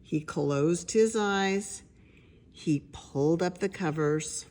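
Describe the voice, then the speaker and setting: A woman's voice: on the low side, a little mellow. An older woman with an elderly voice reads a children's picture book aloud, with chatty asides to listeners. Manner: drawn-out, suspenseful phrasing when reading. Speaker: storybook reader. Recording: noticeable background noise.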